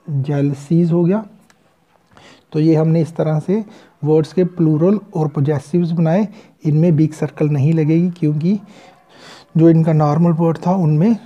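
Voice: medium pitch, dark tone, muffled recording. A shorthand teacher giving a recorded lesson, explaining patiently step by step and spelling words out sound by sound.

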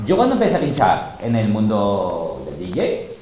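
Speaking to a group of students in a large, very echoey school room with faint noise, a middle-aged DJ and teacher is casual, emphatic and boastful, frequently acting out quotes. His voice sits on the low side with a darkish tone, pitch swooping wildly at a moderate pace.

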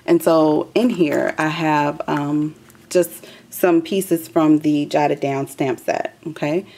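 A woman's voice: sits low, fairly even intonation, slow, warm tone. A woman hosting a craft video, chatting loosely with many ums as she shows her work at a table. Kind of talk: casual craft walkthrough.

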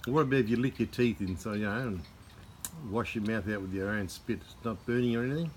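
A man's voice: fairly low pitch, quick pace. A man chatting casually, prompting someone with short questions. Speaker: off-camera questioner. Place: backyard garden, outdoors. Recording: faintly noisy outdoor phone recording.

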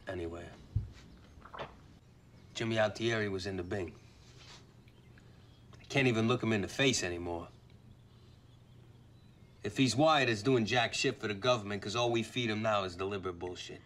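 An actor playing a blunt mobster giving a report, low and gruff, TV drama. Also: male voice, moderate pace, pauses often, a bit bright, natural voice. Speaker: mob associate in a TV drama. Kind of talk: TV drama acting.

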